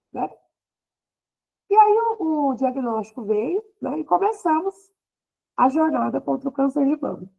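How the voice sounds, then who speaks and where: High-voiced woman in her thirties, lo-fi. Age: 30s. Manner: emotional, repeats "né?" often, voice rising in quoted speech. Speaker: speaker giving a testimony. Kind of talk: church testimony to a women's group. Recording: slightly dull lo-fi recording.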